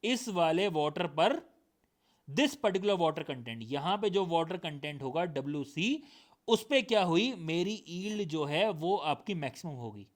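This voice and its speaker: Male lecturer, high voice, unhurried, slightly sore throat, quizzes the class as he goes. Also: sing-song. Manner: drills points with repeated questions; reads definitions aloud slowly. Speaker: teacher. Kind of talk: recorded lecture.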